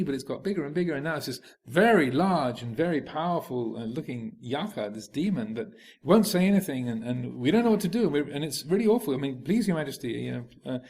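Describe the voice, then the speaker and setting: A man's voice: medium pitch, a little mellow, close to an everyday voice. A man voicing a group of flustered palace attendants, agitated and pleading with their king.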